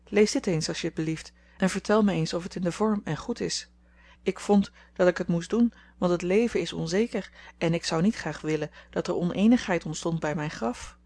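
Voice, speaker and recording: A prim, earnest young girl from an audiobook, read by a narrator in a near-normal voice. She speaks in a middle pitch with careful seriousness. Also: normal speed, a little mellow, lightly acted. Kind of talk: audiobook character voice.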